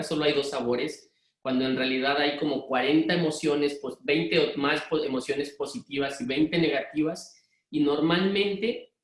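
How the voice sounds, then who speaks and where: Middle-aged Mexican man with a Monterrey-influenced accent, hurried and direct, running a parenting workshop in a roomy, echoing space. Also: a little high. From Mexico City. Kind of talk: live workshop talk to parents. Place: room with an audience.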